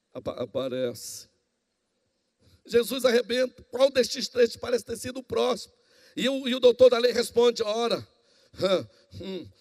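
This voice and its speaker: A male pastor preaching a sermon, animated and acting out the dialogue of the people in his story. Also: sits high. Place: church hall. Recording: long reverb in a church hall.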